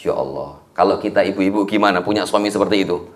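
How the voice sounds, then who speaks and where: A man with a Javanese accent preaching a sermon, telling a story in a lively way with folksy asides to his listeners. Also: low voice, racing. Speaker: Islamic preacher. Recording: echoey room.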